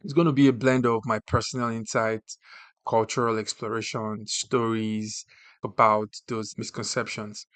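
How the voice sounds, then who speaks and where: A man's voice: mid-range voice, a bit bright, dry recording. Nigerian man hosting a podcast. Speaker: podcast host. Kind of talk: scripted solo podcast talk.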